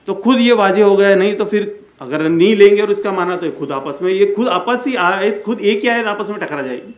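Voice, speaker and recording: A man giving a religious lecture, explaining verses, repeating and rephrasing points and reciting Arabic lines slowly. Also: high voice. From India. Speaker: Islamic speaker and founder of an education center. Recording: echoey room.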